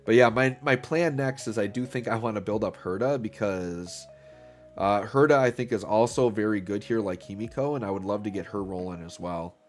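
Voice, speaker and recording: Soft background music plays as the gaming host, his voice on the low side and his pace moderate, talks casually while playing. Stuffy from being ill, he stays upbeat and leans heavily on fillers like "um" and "right?"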